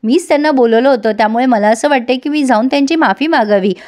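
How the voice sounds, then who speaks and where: A woman voicing a caring middle-aged mother-in-law, speaking softly and with concern. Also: high-pitched, quick pace, close to an everyday voice.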